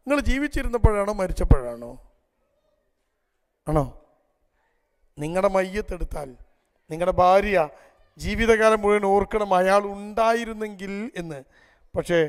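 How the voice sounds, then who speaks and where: A man's voice: high voice, smooth. A man tells stories to a live audience and keeps asking them rhetorical questions. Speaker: public speaker. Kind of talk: storytelling family talk to an audience. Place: event hall before a live audience. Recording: long echo of a large hall.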